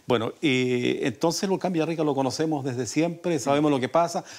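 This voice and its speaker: A man's voice: on the high side, fairly quick, a little mellow. An older man from Chile with a Chilean Spanish accent, a folk singer telling long rambling stories in a radio interview. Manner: rambling, with many restarts and fillers. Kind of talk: relaxed storytelling interview. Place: radio studio.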